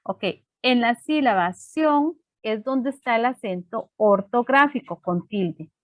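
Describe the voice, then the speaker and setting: A woman teaching an online class, talking patiently and explaining each step with plenty of fillers. Her voice sits a little high and sounds dry and close to the computer microphone, with no room echo. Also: expressive, slow. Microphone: computer microphone on a video call.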